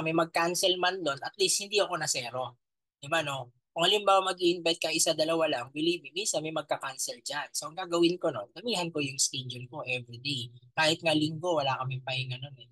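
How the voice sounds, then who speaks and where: A man in his thirties with a Filipino accent gives an animated motivational talk to a live audience. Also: fairly high pitch, quick pace, dry recording, poor audio. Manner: animated, talks straight to the audience. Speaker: motivational speaker.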